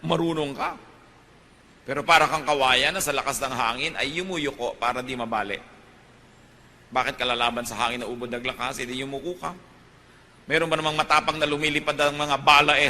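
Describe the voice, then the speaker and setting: Bright-voiced Filipino pastor in a hall. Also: male voice, mid-range voice. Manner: preaching in Tagalog mixed with English, rising to emphatic peaks. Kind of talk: sermon. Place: large theater. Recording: long hall reverb, faint ambient noise.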